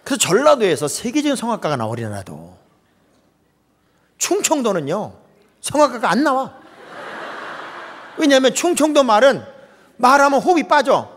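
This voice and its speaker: A middle-aged man preaching in a large church, his pitch running high and swinging widely as he jokes with the congregation. He mimics regional speech for laughs, and his voice rings out with a long hall reverb. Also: moderate pace, long pauses. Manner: lively, joking with the congregation, mimicking dialects. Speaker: pastor. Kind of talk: humorous sermon.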